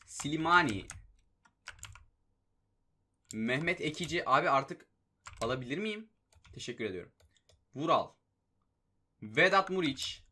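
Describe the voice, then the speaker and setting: Young guy yelling at his football game as he plays, high bright voice, keyboard clicks behind. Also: measured pace, long pauses. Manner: excitable, frustrated outbursts at the game. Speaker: gaming YouTuber. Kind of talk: live gameplay commentary.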